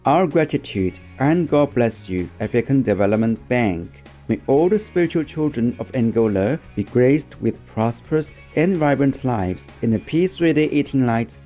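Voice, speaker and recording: A man reading scripted news in an even, formal way, sounding like a broadcast taped off the radio. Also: mid-range voice, muffled recording. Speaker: news anchor.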